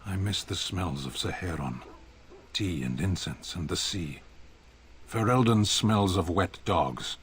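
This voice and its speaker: A man playing a stoic, blunt foreign warrior in a video game, speaking in terse, formal, deadpan phrases. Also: low voice, a little slow, slightly rough, exaggerated voice. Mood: stoic, wistful. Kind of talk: video game character dialogue.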